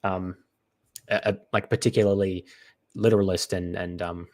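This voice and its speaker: A man with a congested, stuffy-nosed voice gives unscripted reaction commentary, halting and often restarting as he thinks aloud. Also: low voice, steady tone. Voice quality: stuffy nose from being sick. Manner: hesitant, halting, digressive with many restarts. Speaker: commentator reacting to apologetics content.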